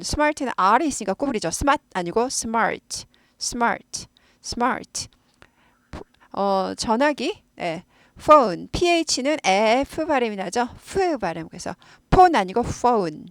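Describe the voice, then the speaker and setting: A woman teaching English, explaining grammar and slowly repeating words for pronunciation drills. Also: mid-range voice, no room sound, clean studio sound.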